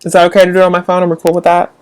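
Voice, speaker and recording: A man's voice: sits high, monotone, rapid-fire, darkish tone, clean tone. Chatty young man on a live stream. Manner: frustrated, chatty, talks to himself and viewers. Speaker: livestream host. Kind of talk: casual live stream chat.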